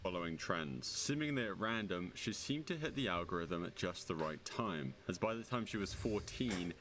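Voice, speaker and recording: A man reading scripted true-crime documentary narration in a measured, suspenseful storytelling manner. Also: low-pitched, animated, fairly bright tone, slight background noise.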